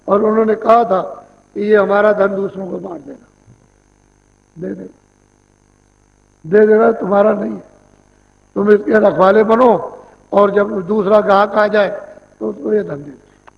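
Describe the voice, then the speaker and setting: A man giving a devotional sermon as a spiritual teacher, instructing in a plain, repetitive way. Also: high voice. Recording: dull lo-fi 1990s tape recording.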